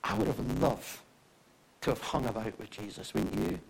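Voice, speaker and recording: Gravelly preacher, lively delivery. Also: male voice, mid-range voice, normal speed, noisy background. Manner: chatty, asks the audience questions. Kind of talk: conversational sermon.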